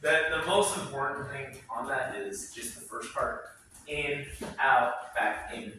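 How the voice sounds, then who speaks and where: A man's voice: mid-range voice, a little slow, distant mic. A man working as a boxing coach, casually explaining drills and calling out moves with punchy sound words. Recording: very echoey, noisy room, off the mic.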